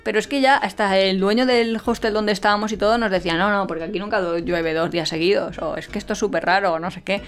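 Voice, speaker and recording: Fast-talking woman co-host. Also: medium pitch, fairly even intonation, faint music behind. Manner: quick, chatty, cuts in and finishes the other host's sentences. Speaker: podcast co-host. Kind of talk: casual travel storytelling.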